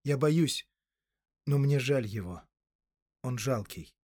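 A man voicing a grave young male hero in an audiobook, speaking in a stern, measured way. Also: medium pitch, lively intonation, a little mellow, no room sound, studio quality.

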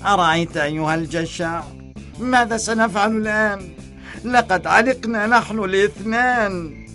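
A man's voice: lively intonation, unhurried, a bit bright, faint music behind. A man voicing an anxious, self-pitying male fox in a children's storybook, with a whiny, pleading manner. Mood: distressed. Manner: whiny, pleading, high-pitched squeal.

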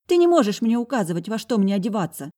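A woman voicing a defiant eighteen-year-old girl, shrill and indignant in an audiobook. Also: very animated, fast talker, dark tone. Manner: shrill, indignant, pushing back. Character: bratty defiant young woman, hot-tempered.

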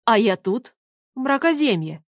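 A woman reading an audiobook, voicing a puzzled, plain-spoken young man in her own mid-pitched voice. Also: sing-song, unhurried, no room sound, clean studio sound.

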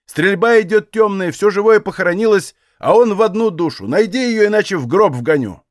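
A garrulous older Cossack who grumbles in rough country talk, as a male reader plays him. His voice sits raised and bounces lively, dry and close. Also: high voice, brisk, dry recording, pitched above the performer's own voice. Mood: grumbling.

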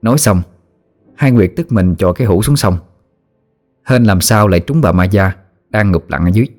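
A man with a Southern Vietnamese accent narrating a ghost story in a lively storytelling manner. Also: lowish voice, moderate pace, faint music behind.

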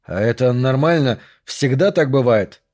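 A man's voice: medium pitch, expressive, unhurried, a little mellow. A man voicing a nervous thirty-year-old man questioning a friend.

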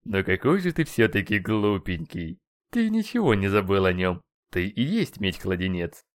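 A man voicing a patronizing dark male spirit rider in an audiobook, with a mentor-like tone. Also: deep voice, very animated, moderate pace, no echo, studio quality. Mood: mocking.

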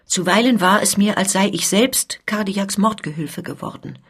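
A woman's voice: mid-range voice, moderate pace, slightly rough. A woman reading as an anguished young journeyman. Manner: earnest, agitated confession.

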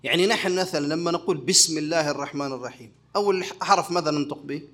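A sheikh delivering a religious lesson in a notably high male voice. He keeps his listeners involved by throwing out questions and answering them himself, building each point in a teaching rhythm. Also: racing, fairly bright tone. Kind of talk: religious lecture.

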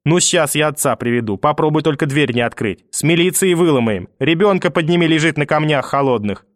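A man's voice: on the high side, lively intonation, moderate pace, no room sound, clean studio sound, voice pushed up, close to an everyday voice. A man voicing a furious old grandmother who spits curses and threats in a raised, strained voice. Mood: screaming. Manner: venomous, screaming curses. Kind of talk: audiobook character voice.

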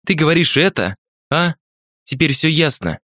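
A distraught noblewoman in a storybook, her hoarse voice climbing high and strained, acted out by a man reading aloud. The recording is dry and close. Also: sing-song, normal speed, pushed and bright, no room sound, full character voice. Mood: accusing.

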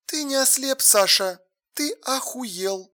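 A reader doing a sharp, exasperated woman. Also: sits high, moderate pace, voice pushed up. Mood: stunned. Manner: insistent, sharp, then drained and flat. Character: exasperated adult woman on the phone. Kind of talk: audiobook dialogue.

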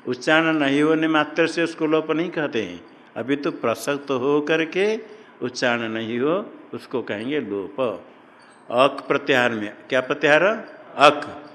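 Male teacher, mid pitch, steady question-and-answer lecturing, echoing hall sound. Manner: asks questions and answers them himself, repeating terms. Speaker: Sanskrit grammar teacher. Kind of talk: classroom lecture. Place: hall or classroom at an ashram.

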